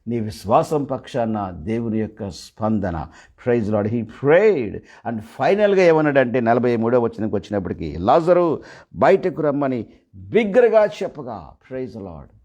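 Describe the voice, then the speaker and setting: A man preaching a sermon as pastor, with fervent delivery that swings from loud exclamations to hushed asides, slipping English phrases into his preaching. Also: mid-range voice, expressive, a little slow.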